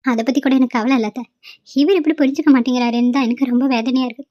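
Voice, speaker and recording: A woman's voice: high voice, fairly even intonation, very fast, dark tone, no room sound, natural voice. A woman voicing a tearful, pleading young pregnant daughter-in-law in a cartoon, on a dull lo-fi recording. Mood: sad.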